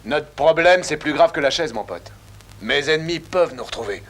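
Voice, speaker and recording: A man dubbing a calm, mysterious assassin in a film, speaking curtly and low-key, with film music behind. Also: moderate pace, a little hiss or hum.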